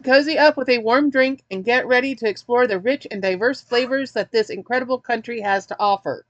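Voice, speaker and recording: A woman with a somewhat high voice hosts a casual unboxing video. She talks in a chatty, wry way and reads the packaging aloud. The sound is dry, with little room echo. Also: a little fast, fairly bright tone, dull audio. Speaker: host reviewing a snack box.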